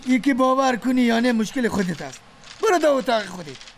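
A man's voice: extremely high pitch, sing-song, faint music behind, heavily acted. An actor with an Afghan Dari accent playing a commanding middle-aged male company boss and father. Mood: scolding. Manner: commanding, scolding.

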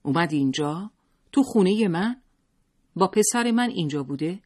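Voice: medium pitch, expressive, darkish tone, breathy edge, no room sound, clean studio sound. Narrator voicing a harsh domineering husband. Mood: furious. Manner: barking, angry. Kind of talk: audiobook narration.

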